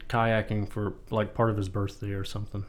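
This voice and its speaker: A man's voice: fairly low pitch, level tone, fairly quick. A man hosting a podcast in casual chat, rambling and joking, with a loose tongue that slips into swearing. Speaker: podcast host.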